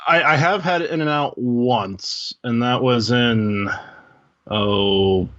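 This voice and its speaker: A man co-hosting a podcast in casual chat, giving brief, low-key replies. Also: extremely slow, fairly bright tone, muffled recording. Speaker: podcast co-host.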